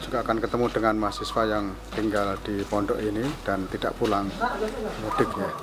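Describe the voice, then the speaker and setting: A man's voice: on the low side, flat delivery, brisk. An Indonesian man in his sixties presenting a vlog and casually interviewing people as a university rector. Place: campus lobby and outdoors. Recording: echoey location sound with clear noise.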